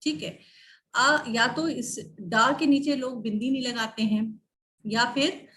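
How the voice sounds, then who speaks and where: Slow-enunciating woman Hindi teacher. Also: a little high, pushed and bright. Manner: slow, drawn-out enunciation of example words. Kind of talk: spelling and pronunciation lesson. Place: online class video.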